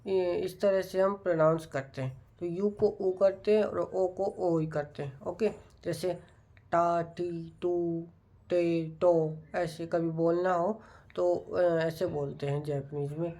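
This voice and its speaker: A man talking casually to viewers in a study vlog, explaining things in an unhurried, musing way. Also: high voice, dark tone. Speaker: student vlogger.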